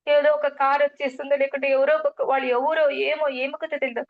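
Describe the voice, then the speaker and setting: A middle-aged woman with a lilt tells a personal spiritual story in a high, earnest voice. She repeats phrases and keeps addressing her interviewer as madam. The recording sounds muffled and lo-fi. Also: flat delivery, fairly quick. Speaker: guest sharing a spiritual testimony.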